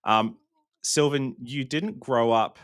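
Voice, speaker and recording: A man's voice: mid-range voice, slow. A man hosting an interview, asking his guest questions in a light, joking way. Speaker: interview host. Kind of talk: conversational interview.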